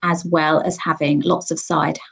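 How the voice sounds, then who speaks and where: A woman's voice: low-pitched, flat delivery, a little slow, gravelly, slightly rough. Upbeat woman hosting a live webinar. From Sri Lanka, raised in England. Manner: chatty, upbeat, many ums. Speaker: host.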